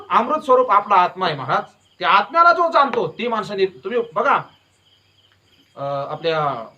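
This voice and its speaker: High, bright-voiced man preaching emphatically. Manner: emphatic and repetitive, with folksy storytelling. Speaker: devotional preacher. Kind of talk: devotional sermon.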